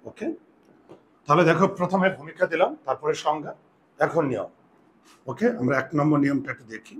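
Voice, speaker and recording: A man's voice: a little high, expressive, fairly quick, slight background noise. A man teaching a Bengali grammar lesson, patiently repeating key points and asking and answering his own questions.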